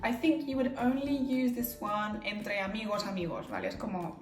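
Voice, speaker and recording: An English teacher from England, speaking with an English accent, patiently explains phrases in a bilingual lesson, switching between English and Spanish. Her mid-range voice has lively intonation and a normal pace, and the room sounds echoey.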